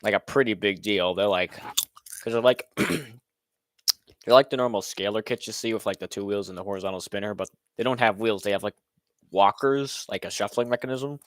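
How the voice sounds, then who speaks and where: Low, dry-voiced young man rambling. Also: a little fast, no echo. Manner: rambling, many fillers and restarts. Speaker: robot builder recapping his event. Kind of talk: casual voice-over narration.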